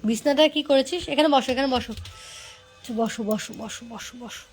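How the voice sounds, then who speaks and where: A woman's voice: high-pitched, quick pace, faint music behind. A young woman talking to her angry pet dog, soothing and pleading with it, repeating words over and over. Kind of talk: coaxing talk to a pet.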